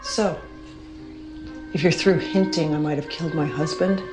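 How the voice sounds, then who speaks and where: An actress plays a sardonic widow in a naturalistic TV drama. Her voice sits low and is full of bitter disappointment, cutting and scornful. Music is clearly heard behind her. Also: steady tone, moderate pace, lightly acted. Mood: defiant, guarded.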